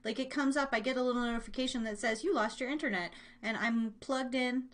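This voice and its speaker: Talking fast in a fairly high voice, this American host of a live online radio show and podcast rambles casually and cheerfully with her audience.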